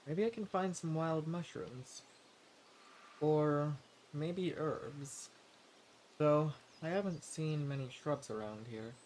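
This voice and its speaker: In an audio roleplay, a man plays a gentle, level-headed wandering adventurer, speaking haltingly and directly to the listener in a musing mood. His voice is fairly high, and the rough recording carries slight background noise.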